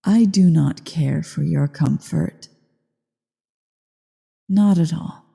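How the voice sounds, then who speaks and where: A woman voicing a haughty, menacing ancient dragon queen in a slow, theatrical ASMR roleplay, imperious and full of disdain. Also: sits low, creaky, warm tone, exaggerated voice. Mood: haughty, condescending. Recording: cavernous echo and long reverb.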